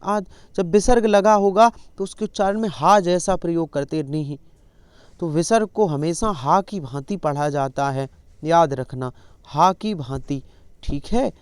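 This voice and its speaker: A man's voice: high-pitched, a little mellow, clean tone, no room sound. A male teacher running an exam-prep lesson, repeatedly coaxing students to answer his questions.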